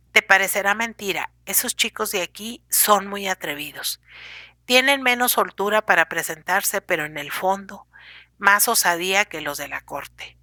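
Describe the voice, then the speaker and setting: A woman's voice: mid-range voice, pushed and bright, no room sound. A woman voicing an ailing older husband who scolds and pleads with his young wife, in an audiobook reading. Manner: lecturing, complaining, pleading.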